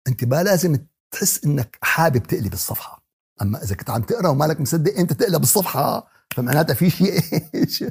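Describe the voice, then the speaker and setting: A man with a Levantine Arabic accent teaching a religious lesson in colloquial dialect, with plenty of jokes and rhetorical questions. His voice sits high and swings widely in pitch, and he talks fast. The tone is gravelly and husky. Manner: animated, joking, many rhetorical questions. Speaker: Quran teacher.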